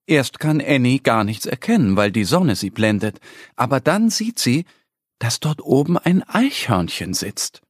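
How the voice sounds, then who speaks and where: A man narrating a children's story in a gentle, expressive storytelling voice. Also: mid-range voice, no room sound, studio quality.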